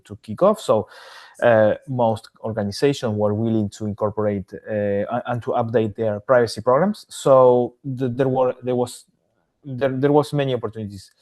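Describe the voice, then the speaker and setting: A man from Argentina, a podcast guest, answering interview questions in a halting way with many repeated words and restarts. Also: fairly low pitch, darkish tone. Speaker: podcast guest, AI governance consultant.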